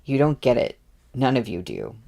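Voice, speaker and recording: A man's voice: mid-range voice, huge pitch swings, moderate pace, gravelly, a little mellow, heavily acted. A man reading aloud, voicing a remorseful young man who speaks in short, faltering sentences. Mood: tearful, halting. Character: broken, remorseful young man, halting and tearful. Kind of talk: audiobook readalong.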